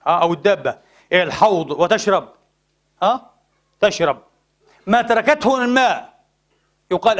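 A man's voice: high-pitched, a bit bright. A male preacher, giving an impassioned sermon full of rhetorical questions and emphatic peaks. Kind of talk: Friday sermon.

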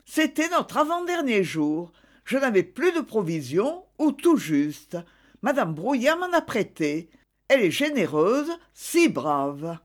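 A theatrical, coaxing wife from an old French novel, voiced by a woman reader. She argues her case in lively swoops of pitch at an unhurried pace. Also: exaggerated voice. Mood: pleading. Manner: theatrical, pleading then commanding. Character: extravagant wife, self-justifying and coaxing.

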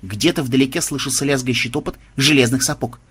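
A man reading a story aloud in a lively, expressive manner. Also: mid-range voice, brisk, husky. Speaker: audiobook reader. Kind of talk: scripted story narration.

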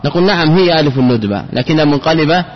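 A man's voice: a little high, expressive, very fast. A male teacher gives a classroom lecture on grammar. He keeps asking rhetorical questions and repeating key phrases as he explains. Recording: dull lo-fi recording with long hall reverb.

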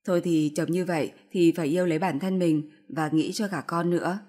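A woman's voice: lowish voice, fairly even intonation, a little fast, close to an everyday voice. A woman doing a fierce scolding old mother-in-law. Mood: gentle coaxing. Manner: harsh, shouting, scolding.

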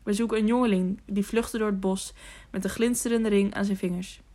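A dark, bearded male knight speaks curtly and gruffly, short on patience, as a woman reads him in a storybook. His voice sits at a middle pitch. It is part of an audiobook reading. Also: fairly even intonation, brisk, natural voice. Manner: gruff and curt.

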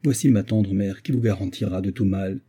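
A man reading the part of an earnest young husband, soothing and gentle. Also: low voice, fairly quick, slightly rough.

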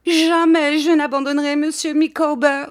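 A woman reading an audiobook, voicing a distraught, devoted middle-aged wife who declaims in a high, tearful voice. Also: very animated, a little slow, a little mellow. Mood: crying out. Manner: declaiming, rising to cries.

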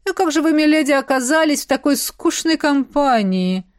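A woman's voice: high voice, expressive, normal speed, no echo, studio quality, pitched above the performer's own voice. A woman doing a drawling, mocking male baron. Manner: drawling, teasing.

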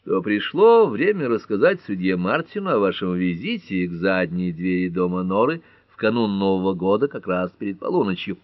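A narrator doing a guarded detective. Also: male voice, deep voice, animated, moderate pace, hardly any pauses, no echo, highs cut off. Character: guarded amateur detective man. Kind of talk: audiobook character voice.

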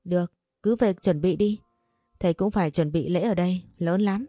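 A woman voicing a greedy, sly older male shaman who talks in a slow, knowing, wheedling way. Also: on the low side, dark tone, no room sound, studio quality, faint music behind, close to an everyday voice.

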